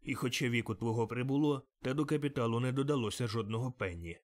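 A man voicing Scrooge, a stingy old miser, in a gruff, curt, grumbling manner for an audiobook. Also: mid-range voice, fast talker, darkish tone, natural voice. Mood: scornful grumbling. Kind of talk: audiobook character reading.

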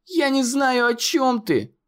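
A man's voice: sits high, animated, slow pace, voice pushed up. A man voicing a frightened young boy who pleads and cries out in an audiobook. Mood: desperate.

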